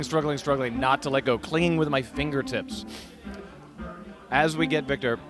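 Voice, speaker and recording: Man telling a memorial anecdote. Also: medium pitch. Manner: anecdotal, emphatic repetition. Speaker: memorial speaker. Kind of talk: storytelling tribute speech.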